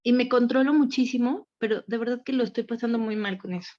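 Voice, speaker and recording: A woman's voice: fairly high pitch, fast, dull audio. Overwhelmed woman telling a story. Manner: candid, rambling, acts out quotes. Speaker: group participant. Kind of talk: personal account in group session.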